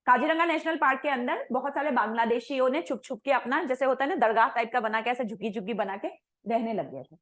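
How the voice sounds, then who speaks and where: A woman's voice: high voice, poor audio. A woman teacher giving an online coaching lecture, explaining in a conversational way and mixing English words into her talk. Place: coaching class.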